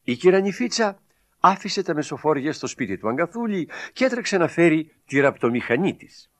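Lively man reading a children's story. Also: on the high side. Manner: expressive, dramatic storytelling with voiced exclamations. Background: background music.

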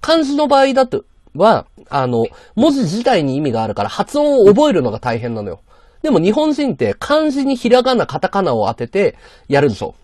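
A man's voice: high voice, wildly swooping pitch, fairly quick, a little mellow, dry recording, studio quality. A man chatting on a live stream, lecturing in a rambling way and answering viewer comments. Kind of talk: casual livestream chat reading viewer comments.

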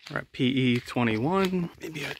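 A man's voice: medium pitch, expressive, unhurried, noisy background. A man on a canoe camping trip, casually describing riverside campsites as he paddles, outdoors on a river.

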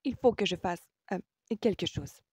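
A woman voicing an excitable, breathless young woman. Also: fairly low pitch, moderate pace, husky, no room sound. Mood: distracted. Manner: breathless, excited, broken-off phrases. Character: young woman, emotional and impulsive. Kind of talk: audiobook character voice.

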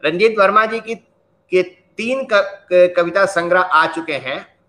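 A man hosting an interview, introducing his guest in a measured way with frequent pauses. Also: high-pitched, a bit bright, rough recording. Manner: slow, measured, with frequent hesitations. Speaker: interviewer and host. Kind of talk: formal Hindi interview introduction.

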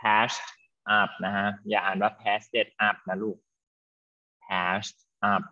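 A man teaching an English class to students, explaining slowly and patiently and affectionately calling them "child". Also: lowish voice, flat delivery, pushed and bright, lo-fi sound. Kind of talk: online class lesson with students.

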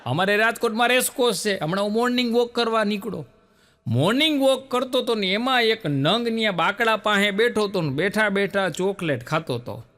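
A man's voice: high voice, lively intonation, brisk, pushed and bright. A man telling stand-up jokes on stage, acting out the people in his stories. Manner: storytelling with many quoted voices, punchlines met by laughter. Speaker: stand-up comedian. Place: stage show with a laughing audience.

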